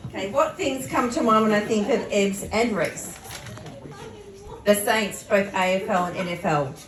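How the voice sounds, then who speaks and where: A woman's voice: medium pitch, a little slow, crowd noise. A woman, mother of the bride, giving a heartfelt prepared wedding speech. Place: wedding reception room. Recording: echoey hall, mic far off.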